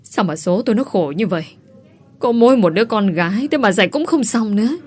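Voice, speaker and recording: A woman's voice: mid-range voice, animated, a little fast, a little mellow, close to an everyday voice. A woman voicing an elderly mother who scolds and laments, in a reproachful, wailing way. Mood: scolding.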